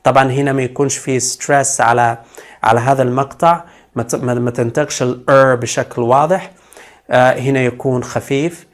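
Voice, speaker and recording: A man teaching English pronunciation, explaining in Arabic and slowly repeating each English word several times for the listener to copy. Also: medium pitch, steady tone. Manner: switches between Arabic explanation and English examples. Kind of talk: pronunciation lesson.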